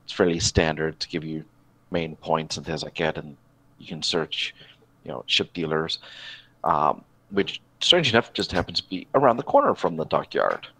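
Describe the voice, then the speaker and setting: A man running a tabletop role-playing game over voice chat, narrating slowly with many fillers and restarts. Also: a bass voice, animated, creaky, a bit bright, slightly rough, rough recording. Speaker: game master.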